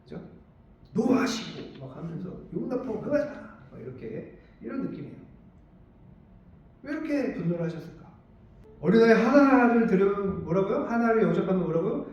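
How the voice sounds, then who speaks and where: A man's voice: high-pitched, animated, moderate pace, long pauses, a little mellow. A middle-aged male pastor preaching a sermon, asking his listeners questions and then answering them himself. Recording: distant, echoey, muffled church room sound.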